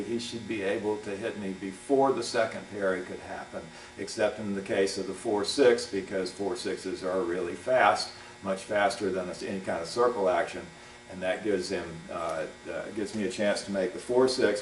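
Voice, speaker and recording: A man coaching fencing, explaining a demonstration aloud in a measured, halting way. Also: on the low side. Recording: echoey room, distant mic, faint hum.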